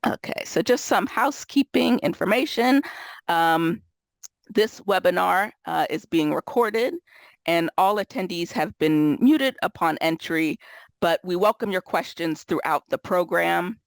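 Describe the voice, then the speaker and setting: A woman's voice: on the low side, a little slow, gravelly, no echo. A woman moderating a webinar, sounding nasal from a cold, talking casually with lots of fillers over a video call. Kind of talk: webinar housekeeping intro.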